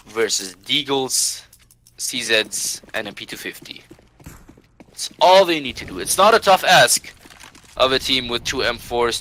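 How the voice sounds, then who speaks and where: Bright, forceful male esports caster. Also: medium pitch, poor audio. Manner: excitable, builds suspense as the action unfolds. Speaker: esports caster, play-by-play commentator. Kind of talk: live esports play-by-play commentary.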